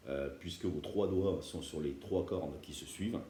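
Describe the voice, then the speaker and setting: A man's voice: sits low, moderate pace, slight background noise. A man teaching beginners guitar step by step, patient and often checking that viewers follow. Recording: roomy room with loud guitar playing.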